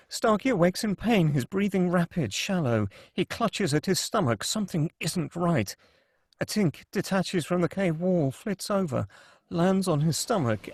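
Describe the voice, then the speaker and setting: At a table read, a man narrates a script's stage directions, recorded with no room sound. His voice is a little high for a man, with a husky, unclear edge.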